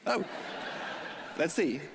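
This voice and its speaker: A man's voice: a little high, big pitch swings, extremely slow, gravelly, noisy background. A man performing as a stage magician, giving patter to a theatre audience. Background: music and audience.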